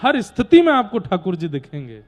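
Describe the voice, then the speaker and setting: A man giving a devotional discourse, telling a sacred story to a gathering and now and then breaking into slow song. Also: high-pitched, wildly swooping pitch, darkish tone.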